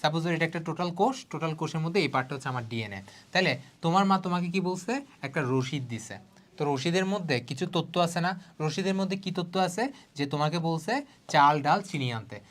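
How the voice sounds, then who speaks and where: A man in his twenties from Bangladesh, a biology tutor teaching an online exam-prep lesson. He talks fast and chatty, mixes in English words, and keeps checking that students follow. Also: on the high side, a bit bright.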